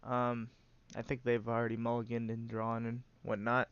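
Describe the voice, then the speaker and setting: A stuffy-nosed, congested host rambles casually through play-by-play of a card game in a medium-pitched, completely flat voice at a moderate pace. The tone is clean with no echo, though the recording is muffled, and he fills his talk with "uh" and restarts.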